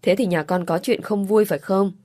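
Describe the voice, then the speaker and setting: A woman reading an audiobook story, voicing a kind elderly man who gently reassures his household helper. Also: mid-range voice, steady tone, a little fast, no room sound, studio quality, lightly acted. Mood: reassuring. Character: elderly kindly old man, the employer's father.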